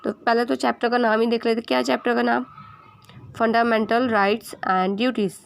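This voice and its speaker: A woman's voice: fairly high pitch, level tone, normal speed, vocal fry. A woman with a sore throat giving a casual video lesson, mixing in English words and asking herself questions, then answering them. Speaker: teacher.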